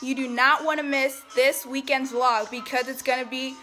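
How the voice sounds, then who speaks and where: A woman's voice: sits high, fairly even intonation, normal speed, pushed and bright, soft background music. A young woman presenting a casual challenge vlog to a camera in a small room. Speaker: vlog host. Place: small indoor room against a wall.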